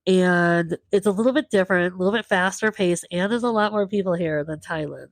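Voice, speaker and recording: A woman hosting a podcast, telling a travel story casually and lively, acting out the voices of the people she met. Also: on the low side, brisk, no echo. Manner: lively, acts out quoted voices. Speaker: podcast host.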